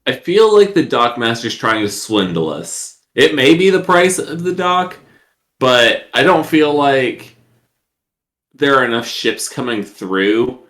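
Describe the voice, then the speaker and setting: Slow, musing game player. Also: male voice, mid-range voice, sing-song, a bit bright. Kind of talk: casual tabletop game chat. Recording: roomy echo.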